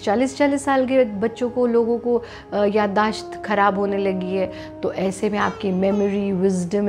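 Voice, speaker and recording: A woman with an Indian accent, a yoga teacher giving calm, measured guided instruction. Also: medium pitch.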